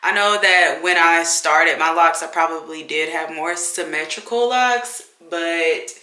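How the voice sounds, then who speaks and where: Woman, congested, laid-back chatty vlog talk, bright voice, echoey bathroom. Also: lowish voice, unhurried, recorded from a distance. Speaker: vlogger. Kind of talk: casual hair-care vlog chat. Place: home bathroom.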